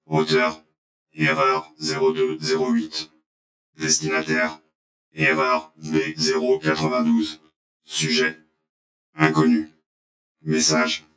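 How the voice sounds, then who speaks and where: A cold data-reading computer, done by a man speaks in a slow, gravelly monotone. Its sound is bright and processed through a synthesizer. It rings out with a roomy echo. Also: very deep voice, a little hiss or hum, voice pushed down, exaggerated voice. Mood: mechanical.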